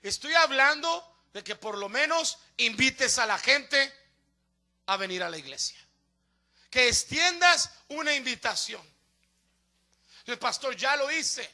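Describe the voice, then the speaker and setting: A man's voice: very high voice, lively intonation, slow, pauses often, bright, forceful tone. A man, a pastor preaching a sermon, telling stories and acting out the people he quotes, building to emphatic appeals. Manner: storytelling preacher who acts out the voices of people he quotes.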